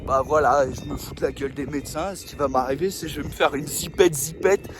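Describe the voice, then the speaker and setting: A man's voice: fairly high pitch, fast talker, background noise. A man vlogging casually outdoors, joking and swearing in loose slang as he talks to the camera. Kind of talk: casual outdoor vlog chat. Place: outdoors on a mountainside.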